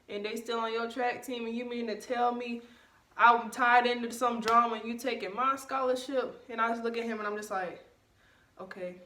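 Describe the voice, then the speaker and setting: Bright-voiced young woman telling a story. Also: on the high side. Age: young adult. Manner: emphatic, indignant retelling. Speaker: vlogger. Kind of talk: casual storytime vlog. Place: bedroom, at night. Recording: roomy, mic at a distance.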